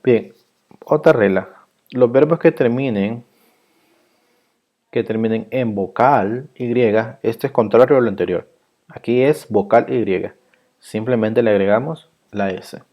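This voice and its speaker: Man, teacher, grammar lesson, very slow, patient, repeats examples. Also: medium pitch, highs cut off. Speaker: English teacher. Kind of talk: grammar lesson explained in Spanish.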